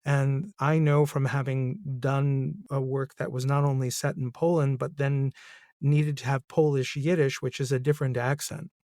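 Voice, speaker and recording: A man's voice: medium pitch, fairly even intonation, normal speed, warm tone, dry recording, clean studio sound. A man hosting a podcast interview, musing aloud and laughing at himself. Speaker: podcast host. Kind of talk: casual interview chat.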